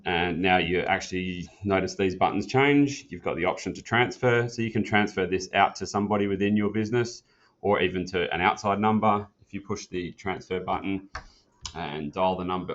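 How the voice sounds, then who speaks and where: Demonstrating an office phone system, this instructor talks a learner through each step in a casual, plain, practical way. His voice sits low and is a bit bright, at normal speed, and the lo-fi recording sounds dull and muffled.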